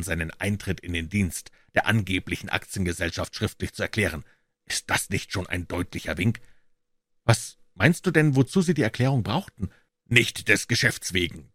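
A man voicing a confident, impatient male detective explaining his reasoning briskly. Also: sits low, bright, forceful tone, dry recording, studio quality.

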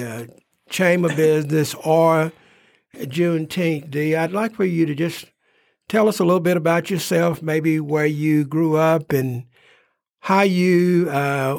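A man's voice: on the high side, gravelly, dry recording, studio quality. A man hosting a local interview program, speaking with frequent "uh" fillers. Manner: warm, filler-heavy, unhurried. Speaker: host. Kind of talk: interview talk show.

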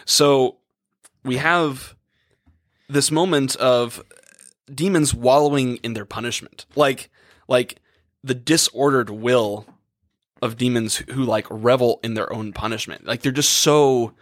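A man's voice: medium pitch, takes it slowly, no room sound, clean studio sound. A young man who is a priest, talking casually and thinking aloud while losing his voice after a long day. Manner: rambling, thinking aloud with many fillers. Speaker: priest and podcast co-host. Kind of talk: casual chat, reading letters aloud.

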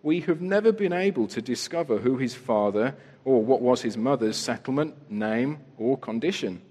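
A man's voice: mid-range voice, expressive, moderate pace, darkish tone, voice pushed up, close to an everyday voice. A man voicing a pompous, self-important workhouse beadle in a storybook reading, in an echoey hall. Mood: officious. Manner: puffed-up, officious. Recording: echoey hall with long reverb.

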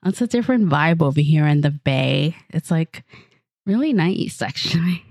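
A woman chats casually as a co-host. Her voice sits a little low for a woman. The sound is dry, and her wording is informal and full of slang. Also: lively intonation, moderate pace, a little mellow, no room sound. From Santo Domingo, Dominican Republic. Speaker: podcast co-host, actor. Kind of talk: casual chat.

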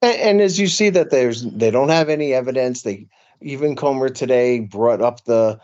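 A man co-hosting a podcast, talking earnestly in casual political chat with many halting restarts. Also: mid-range voice, darkish tone, highs cut off. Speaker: podcast co-host.

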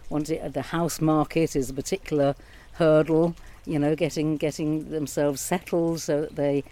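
Mellow-voiced woman in her sixties. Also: low-pitched, fairly even intonation. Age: 60s. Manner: thoughtful, measured, reflective. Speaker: retired teacher, guest. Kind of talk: casual conversation. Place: garden outdoors by a pond.

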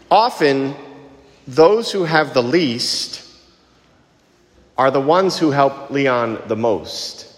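Male priest, measured and deliberate reading and homily, big church reverb, cathedral echo on the voice. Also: medium pitch. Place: large church.

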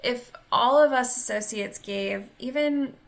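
A woman's voice: fairly high pitch, unhurried, gravelly. A woman hosting a podcast in casual, conversational talk, with an affirming and encouraging manner. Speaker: podcast host.

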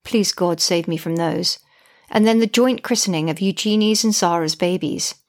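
A woman with a slightly low voice reads her own diary-style account aloud. She sounds indignant and exasperated, with a dry, wry edge as she narrates. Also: normal speed. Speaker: podcast narrator, mother.

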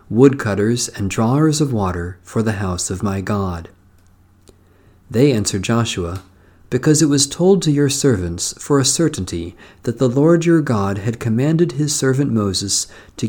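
A man leading a midday prayer service, reading psalms and scripture in a measured, solemn recitation. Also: medium pitch, mellow. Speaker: prayer leader. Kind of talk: slow liturgical reading.

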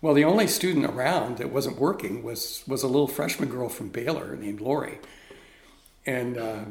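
A middle-aged man tells a story from his ministry work in a conversational setting. He acts out the people in it as he goes, with a voice of middle pitch. The room around him sounds roomy and echoey. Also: normal speed, gravelly. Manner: animated, reenacts dialogue. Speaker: ministry leader.

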